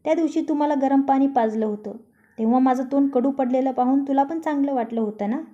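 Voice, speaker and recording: A woman's voice: high-pitched, brisk, mellow, dull audio, close to an everyday voice. A woman voicing a short-tempered young man who teases and snaps sarcastically, read in a storybook style. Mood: irritated sarcastic. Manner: taunting, sarcastic. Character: young man, grumpy, teasing, quick to snap.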